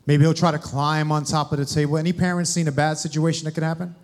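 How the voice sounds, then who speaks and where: Male preacher, young adult, animated, questions to the congregation, fairly high voice. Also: quick pace. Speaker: guest preacher. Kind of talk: sermon.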